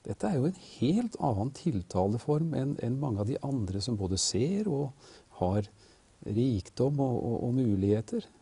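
A man's voice: medium pitch, big pitch swings, dark tone, slightly rough, no room sound. A male host leading a Bible discussion, reflective and leading the conversation.

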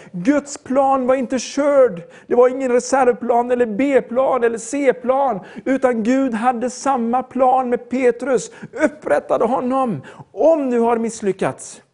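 An older man preaching a sermon in an earnest, emphatic way, mixing slow solemn points with quicker storytelling. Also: very high-pitched, darkish tone.

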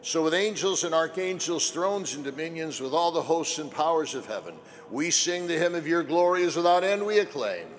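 A man speaking as a priest at Mass, solemn and measured, preaching and praying in liturgical style. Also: fairly high pitch, animated. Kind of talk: homily and liturgical prayer. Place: church during Mass. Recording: background noise behind the voice.

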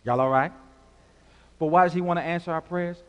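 A male pastor delivers a sermon in a sanctuary with a long, ringing reverb. His voice sits high. He works the congregation in call-and-response and builds to emphatic, repeated lines. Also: steady tone, fairly quick, smooth, dull audio. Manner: call-and-response preaching, rising to emphatic shouts. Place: church sanctuary.

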